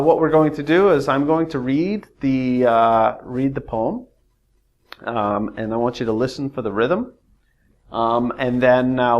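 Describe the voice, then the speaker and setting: A man gives a casual English lesson at an unhurried, slow pace, his voice sitting at a middle pitch. He rambles and hesitates, filling gaps with ums and uhs. When reading verse, he stretches the rises and falls. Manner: rambling, hesitant with frequent fillers; reads verse slowly with exaggerated rises and falls. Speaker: English teacher.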